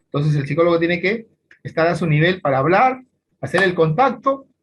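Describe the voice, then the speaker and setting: A man's voice: fairly high pitch, lively intonation, normal speed, fairly bright tone, slight background noise. A man with a Peruvian Spanish accent lecturing on forensic psychology in an online class, rambling with many fillers and restarts.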